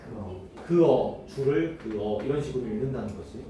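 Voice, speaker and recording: A man's voice: medium pitch, animated, moderate pace, mellow, slight background noise. A man teaching a classroom lesson, often asking the students questions and then answering them himself. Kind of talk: classroom lecture. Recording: echoey room, voice from far off.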